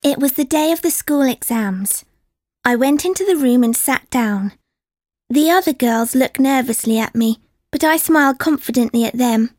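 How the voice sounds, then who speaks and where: A woman reading a first-person dream story for a listening exercise in a clear, confident way. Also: sits high, moderate pace, a little mellow, dry recording, clean studio sound. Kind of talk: scripted narration of a dream.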